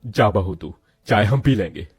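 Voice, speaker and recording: A man's voice: fairly low pitch, lively intonation, moderate pace, darkish tone, breathy edge, no room sound, exaggerated voice. A man voicing a weary, put-upon old father-in-law in a storybook, resigned and tired.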